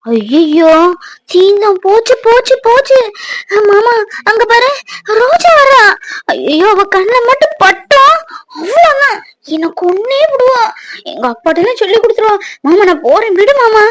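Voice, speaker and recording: A woman's voice: sits high, normal speed. A young woman, playing a playful, chatty village girl wary of her strict family. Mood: frightened. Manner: playful and chatty, lively intonation. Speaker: actor in a family fan drama. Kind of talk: village romance drama acting.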